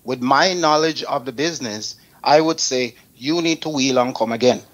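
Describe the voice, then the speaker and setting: On a rough recording, a man with a Jamaican accent hosts a talk show, his mid-range voice a bit bright and his speed normal. He gives artists opinionated radio advice, bluntly and emphatically hammering each point home by repeating it.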